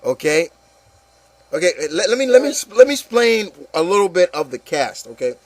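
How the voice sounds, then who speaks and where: His voice is high and sing-song at normal speed, captured in a dry recording. On a casual opinion show with a co-host, he speaks bluntly and with exasperation, swearing often and stammering through repeated words and phrases.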